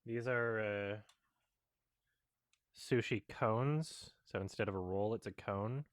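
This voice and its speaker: A man with a fairly low voice talks casually as a mukbang host. His delivery is offhand and rambling, and the sound is close and dry, with little room on it. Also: slow pace, no echo. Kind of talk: casual eating vlog chat.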